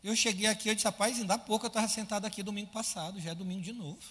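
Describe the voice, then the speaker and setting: A man preaching a sermon as pastor, animated, firing rhetorical questions at his congregation and acting out his listeners' complaints. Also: high voice, very fast, husky, in a large hall.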